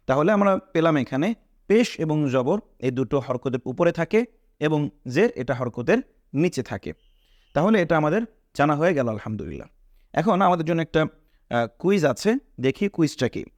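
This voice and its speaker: A man's voice: fairly high pitch, darkish tone, no room sound. Patient male Quran teacher, close and dry. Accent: Bangladeshi Bengali. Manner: patient, repeats points and poses questions to students. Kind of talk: classroom lesson.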